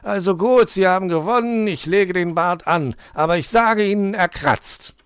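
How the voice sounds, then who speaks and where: A man's voice: high-pitched, moderate pace, a bit bright, smooth, dry recording, studio quality, pitched above the performer's own voice. A man voicing a grumpy, impatient male fox in a storybook reading, grumbling and stubborn.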